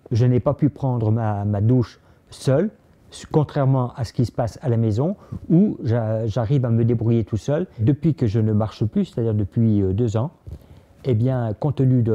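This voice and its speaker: Halting man with a dark dull voice. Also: mid-range voice. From France. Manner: halting, many pauses and restarts. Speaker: interviewee. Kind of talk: personal testimony.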